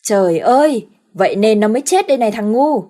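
A woman's voice: on the high side, expressive, brisk, warm tone, lightly acted. Woman voicing an older patriarch, angry, scolding, commanding.

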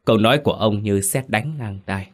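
A man's voice: fairly low pitch, fairly quick. A man narrating a village horror story in a grave, tense way.

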